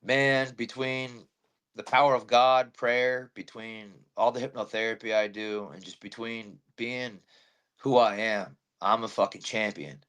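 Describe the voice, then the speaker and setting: A man's voice: mid-range voice, unhurried, clean tone. A man who fights bare-knuckle, talking brashly after a bout, swearing and telling fight stories with energy. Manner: brash, swearing, animated storytelling. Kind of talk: post-fight interview.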